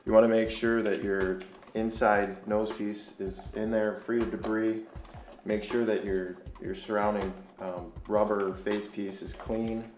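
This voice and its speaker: A man with a fairly low voice walks through equipment procedures like a training instructor. His delivery is plain and directive, one step at a time. The room is clearly echoey, with music underneath. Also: little pitch movement, a little slow.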